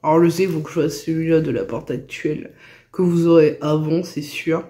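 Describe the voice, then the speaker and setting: A woman's voice: sits low, little pitch movement, moderate pace, breathy edge, rough recording. A woman vlogging at home in casual chat, chatty and gushing. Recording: loud computer fan hum. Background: computer fan noise.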